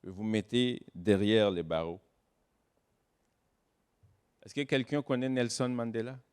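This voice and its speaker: Delivering a sermon, this guest pastor has a clean tone and shifts from booming emphasis to quiet, low asides. Important words get stretched out as he slows for effect.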